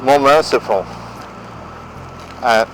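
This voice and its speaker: An Australian man giving an unscripted talk to viewers in a deliberate, halting way. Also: medium pitch, fairly bright tone, poor audio. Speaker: vlogger giving relationship advice. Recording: outdoor noise behind the voice.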